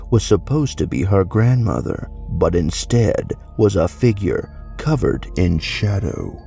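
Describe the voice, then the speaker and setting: A man reads a horror story in a very deep, dark voice, full of gravel. He tells it slowly and broodingly, with a scripted storyteller's pace.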